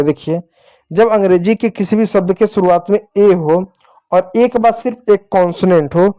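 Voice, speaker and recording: Patient, mellow-voiced male children's teacher. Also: high-pitched. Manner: patient, repetitive explaining, asks questions and answers them himself. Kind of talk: classroom-style lesson for children.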